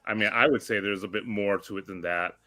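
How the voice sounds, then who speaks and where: Bright-toned man musing aloud. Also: on the low side, fairly even intonation, fairly quick. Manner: reflective, asking probing questions. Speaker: participant in a group chat. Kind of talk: casual chat.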